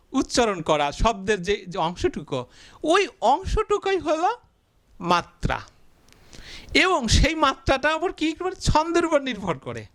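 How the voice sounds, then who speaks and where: A male teacher giving a blackboard grammar lesson, asking the class questions, answering them himself and drawing syllables out slowly as he writes. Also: high-pitched, a bit bright, dry recording. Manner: stretches out syllables slowly while writing.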